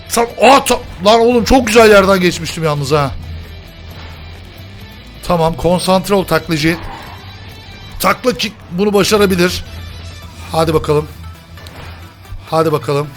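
High-voiced young man yelling through a game. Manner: frantic, chanting words over and over, yelling at the game. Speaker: gaming YouTuber. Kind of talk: excited let's-play commentary.

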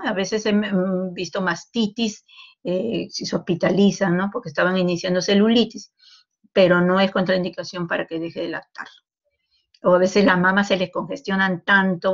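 Lady doctor lecturing, bit of fry in her voice, muffled lo-fi call sound. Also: medium pitch. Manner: explanatory, tags sentences with "¿no?". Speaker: medical lecturer. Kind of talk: university lecture over a call.

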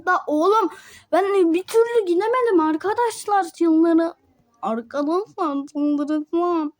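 A woman's voice: extremely high pitch, unhurried. A woman giving gameplay commentary to her viewers, switching between muttered asides and frustrated outbursts. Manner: talks straight to viewers as friends. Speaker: gamer.

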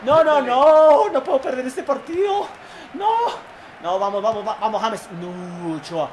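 A young man with a Colombian accent calls his own video game match in a very high voice, shouting and groaning at every play. The recording carries clear background noise. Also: big pitch swings, unhurried. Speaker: gaming YouTuber. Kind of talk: excited live gameplay commentary.

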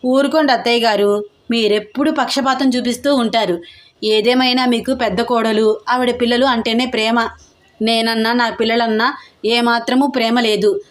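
A woman's voice: a little high, steady tone, moderate pace, natural voice. A woman voicing a jealous, scheming middle-aged aunt who scolds and sneers in an audio story. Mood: whining. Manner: sharp, sneering complaining.

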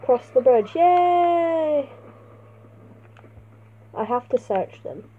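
A young woman giving playful, excitable let's play commentary and talking back at the game as she plays. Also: sits high, drawn-out words, a little hiss or hum. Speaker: gaming channel host. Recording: tinny phone-like mic sound.

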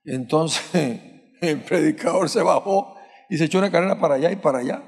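A male pastor delivers an impassioned sermon in a fairly high, gravelly voice, firing rhetorical questions at his congregation. His voice rings with the long reverb of a large church hall. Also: brisk. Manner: rises to shouting at climaxes.

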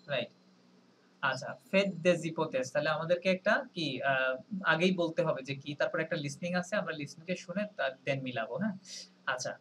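A man teaching a French lesson on a video call, explaining slowly, spelling words letter by letter and often checking in with his students. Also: fairly high pitch, a bit bright, slight background noise, low-quality recording. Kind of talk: online language lesson.

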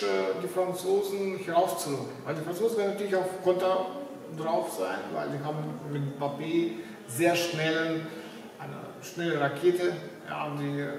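A middle-aged man gives unscripted football commentary to camera, haltingly, searching for his words. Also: on the high side, darkish tone. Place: indoors, echoing room with display banners. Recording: echoey room, distant mic, faint noise.

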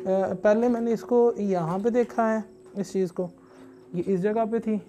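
A man in his thirties from Pakistan hosting a ghost-hunting vlog, talking tensely and excitably to viewers as he explores an abandoned building at night. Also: high voice, unhurried, slight background noise. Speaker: host of a ghost-hunting show. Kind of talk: on-location paranormal investigation vlog. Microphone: camera-mounted mic on a handheld gimbal. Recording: background music under the voice.

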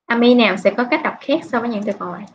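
Slightly high-voiced, this woman English teacher from Vietnam questions her students over a video call with patience and drawn-out prompts. A little hiss or hum runs through the dull lo-fi recording of the online class.

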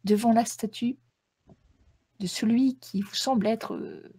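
A woman's voice: a little high, unhurried, dark tone, slightly rough. A woman game master narrating a tabletop role-playing game in a descriptive storytelling manner.

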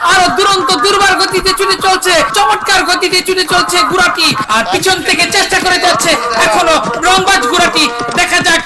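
A man with a strikingly high voice and a Bangladeshi accent works as a race caller. He shouts his commentary excitedly, driving the call along like a live horse race broadcast. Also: reverberant.

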